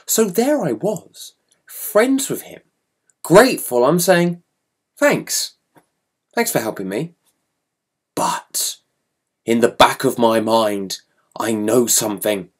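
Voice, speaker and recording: Expressive, slow storyteller man. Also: mid-range voice, breathy edge. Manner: expressive, dramatic, swoops between whisper and loud. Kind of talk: storytelling to an audience.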